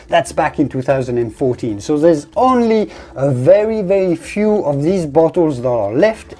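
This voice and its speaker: A wine connoisseur with a warm, medium-pitched voice presents a tasting, describing it effusively and leaning on emphatic superlatives. It's a presenter-style product review with tasting commentary.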